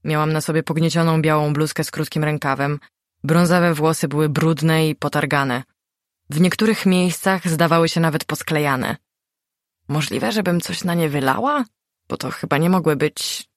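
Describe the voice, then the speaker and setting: A woman reading a first-person novel aloud in an expressive, animated way. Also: deep voice, normal speed, dry recording, clean studio sound. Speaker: audiobook reader. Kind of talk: first-person audiobook narration.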